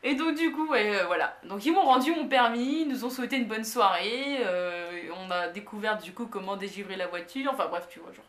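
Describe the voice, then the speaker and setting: A young woman from France telling an anecdote in a casual, slangy way, full of fillers and lively asides. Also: mid-range voice, fairly quick, hardly any pauses. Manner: animated, slangy, many fillers. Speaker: vlogger. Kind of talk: casual storytelling. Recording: echoey room.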